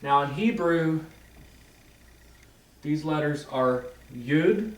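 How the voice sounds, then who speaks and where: A man with a somewhat high voice gives a casual lecture on esoteric ideas. He speaks slowly, wanders off topic and corrects himself as he goes. He sits at a distance from the mic in a roomy, echoey space. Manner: rambling, self-correcting, filler-heavy. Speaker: esoteric teacher.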